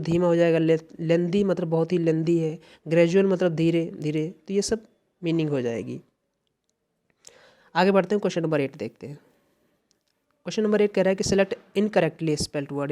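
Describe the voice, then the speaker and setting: A man's voice: fairly high pitch, a little mellow. A man teaching English for exams in Hindi and English with an Indian accent, explaining step by step and repeating key phrases. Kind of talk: exam-prep lesson.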